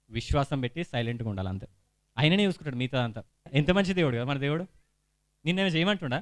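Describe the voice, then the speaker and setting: A young man preaching a sermon, animated and rhetorical, asking questions and reading scripture aloud. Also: high voice, no echo, studio quality.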